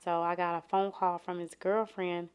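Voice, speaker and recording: St mom telling her story, low voice, stops and starts a lot. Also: flat delivery, smooth. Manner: halting, emotional, many fillers. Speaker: interviewee, mother of a shooting victim. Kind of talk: personal testimony.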